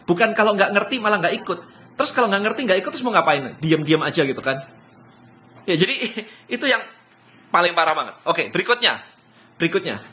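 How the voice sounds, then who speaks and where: Excitable man with a bright, forceful voice. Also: high-pitched, a little fast, slight background noise. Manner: excitable, laughs often, mixes English phrases into casual speech. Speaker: business speaker. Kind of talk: motivational live-stream talk.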